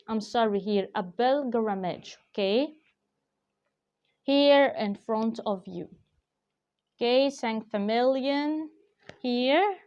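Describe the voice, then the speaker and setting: Slow careful woman teaching English. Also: fairly high pitch, a little mellow. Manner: slow, careful explaining with frequent fillers. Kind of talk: vocabulary lesson. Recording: dull lo-fi recording.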